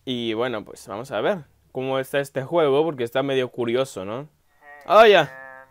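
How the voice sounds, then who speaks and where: A young man giving let's-play commentary, rambling aloud with many fillers and bursting into loud yelps whenever something startles him. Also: medium pitch, brisk. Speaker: gameplay commentator.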